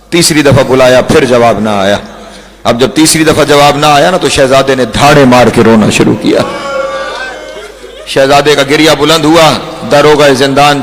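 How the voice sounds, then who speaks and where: A male religious orator from Pakistan delivering a mourning sermon, pausing deliberately between sentences and chanting refrains as his voice climbs high and strains with lament. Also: rough recording. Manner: deliberately halting, pausing between sentences to move listeners to weep.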